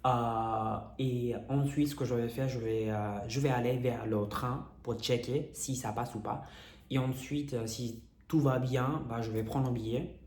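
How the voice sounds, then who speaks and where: A young man with a cracked, hoarse, strained voice, chatting casually in a candid, slangy, rambling storytime vlog. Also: mid-range voice, fairly even intonation, normal speed, a little mellow, slight background noise. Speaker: vlogger. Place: indoors in an apartment. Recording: echoey room.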